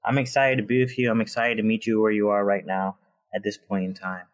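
A male podcast host with a slightly low voice. He talks in an upbeat, eager way and often fills his sentences with casual filler words. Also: little pitch movement, a little fast. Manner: upbeat, eager, heavy use of "like".

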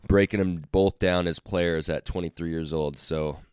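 Podcast host, man, low froggy hoarse voice, close dry sound, casual chat. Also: fairly even intonation, moderate pace, darkish tone, no room sound.

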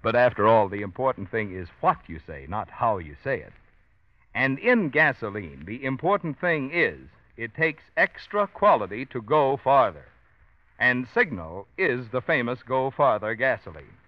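A man's voice: medium pitch, very animated, moderate pace, no room sound. Confident old-time radio announcer, man. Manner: smooth, salesman-like, confident. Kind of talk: 1940s radio sponsor announcement. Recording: dry, dull old radio broadcast.

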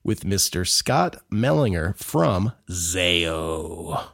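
A man's voice: low-pitched, sing-song, drawn-out words, vocal fry. A forty-year-old man from Indiana hosting a casual interview, chatty and laid-back, calling his guest dude and man. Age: 40s. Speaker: podcast host. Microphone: phone line recording.

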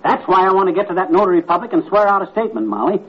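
An actor playing a grumbling, touchy, blustering husband in a 1950s radio comedy. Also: male voice, sits high, sing-song, very fast. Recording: muffled old radio, faint noise.

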